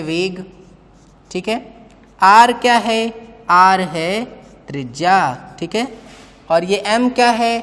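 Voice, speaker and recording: A man's voice: sits high, a bit bright. A man teaching a physics class, asking questions and then answering them himself, and often calling his students "bhai". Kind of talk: chalkboard physics lecture. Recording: long reverb, roomy classroom sound.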